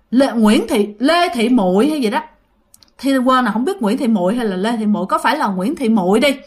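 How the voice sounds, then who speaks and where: A woman with a Southern Vietnamese accent hosts ghost stories in a chatty, casual style, repeating phrases and addressing her listeners directly. Her voice is a little high and a bit bright.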